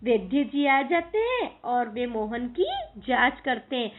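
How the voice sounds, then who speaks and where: A woman's voice: a little high, very animated, a little slow. A woman teacher retelling a school play for her students, explaining hard words as she goes. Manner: storytelling with glosses of words. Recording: tinny phone-like recording.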